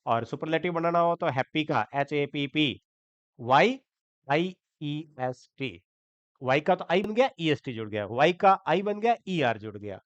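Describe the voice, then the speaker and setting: Speaking in Hindi, a man gives a grammar lesson in a clear, smooth, fairly high and animated voice, explaining step by step, spelling words letter by letter and asking checking questions. The audio is dry and close with no room sound, though slightly dull.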